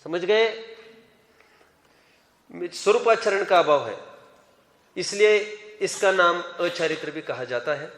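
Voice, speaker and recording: Male scripture teacher with a high voice who quizzes his students, recorded in a roomy hall with a long echo. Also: animated, slow pace, pauses often, fairly bright tone. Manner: questions students by name, urges hands up. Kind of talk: classroom scripture lecture. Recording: echoey hall reverb.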